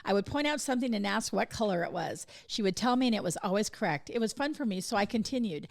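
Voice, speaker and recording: A woman co-hosting a podcast, chatting casually and reading funny anecdotes aloud with lively laughter. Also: medium pitch, fast talker, gravelly. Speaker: podcast co-host.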